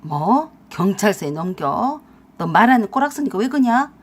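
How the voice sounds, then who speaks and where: Woman voicing a young husband in a radio drama, loud, defensive, blustering, husky voice. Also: medium pitch, big pitch swings, moderate pace. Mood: defensive, angry. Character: angry young husband caught out, blustering man.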